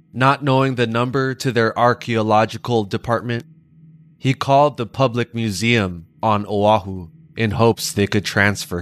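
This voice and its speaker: A man narrating a story in a slow, measured way. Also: lowish voice.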